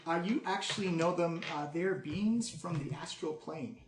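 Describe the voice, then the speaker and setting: A man narrating a tabletop game as game master, with halting speech full of restarts. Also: sits high, a crowd in the background. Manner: halting, with many restarts and fillers. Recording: roomy echo.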